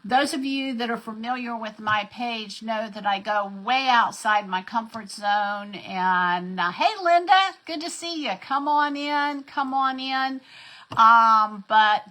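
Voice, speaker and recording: A woman's voice: on the high side, sharp tone, low-quality recording. A middle-aged woman, chatting casually as she hosts a craft live stream and greets viewers by name. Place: home craft desk.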